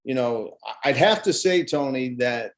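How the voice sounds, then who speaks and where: A man's voice: mid-range voice, lively intonation, unhurried. Friendly guy hosting an interview, chatty, lots of uhs. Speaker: interview host. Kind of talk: casual interview.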